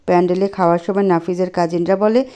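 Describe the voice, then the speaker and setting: A woman narrating a first-person love story in an expressive storytelling manner. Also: lowish voice, fast.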